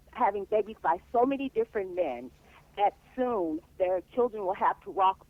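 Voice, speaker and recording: Guy calling into a radio show, thin phone line sound, lively up and down pitch, kinda gravelly. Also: dry recording. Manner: halting, with many fillers.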